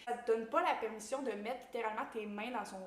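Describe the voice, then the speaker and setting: A woman with a Québécois French accent gives a casual, animated book recap. She mixes English slang into her French and acts out the characters. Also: a little high, fast talker, roomy sound. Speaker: book YouTuber.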